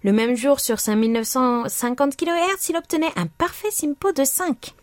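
A woman's voice: sits high, moderate pace, no echo, clean studio sound. A woman hosting a radio programme, presenting scripted reports from listeners. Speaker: radio host.

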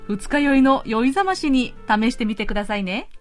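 Woman radio host, friendly and polite, animated high voice, faint music bed. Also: a little fast. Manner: chatty, polite, with soft laughs. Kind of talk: radio show recipe talk and sign-off.

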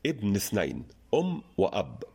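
A witty old sheikh with a deep, husky voice, read by a man telling a joke. He answers dryly and evenly, and his pitch moves freely. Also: wildly swooping pitch, moderate pace, a little mellow, exaggerated voice. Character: witty calm old sheikh, sharp with words.

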